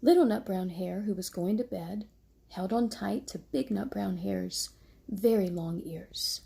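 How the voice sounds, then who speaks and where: A woman reads a bedtime story in a gentle, motherly way. Her voice is husky and mellow, with plenty of creak, and she slips into casual talk to her little one. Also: mid-range voice, unhurried. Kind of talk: read-aloud children's story with casual asides to a small child.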